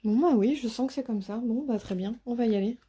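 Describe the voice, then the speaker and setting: A woman giving a casual tarot reading to her viewers, speaking softly and hesitantly with many fillers and restarts. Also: on the high side, quick pace, husky. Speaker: tarot reader.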